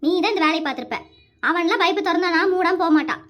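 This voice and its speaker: A woman voicing a strict, fed-up mother in a cartoon family comedy who scolds her sons with a sharp tongue. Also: very high voice, fast, soft background music. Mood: scolding.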